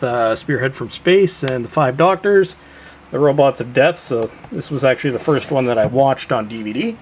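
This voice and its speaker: A man's voice: medium pitch, slight background noise, poor audio. Chatty man drawling out titles. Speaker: collector showing his shelf. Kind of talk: casual collection walkthrough.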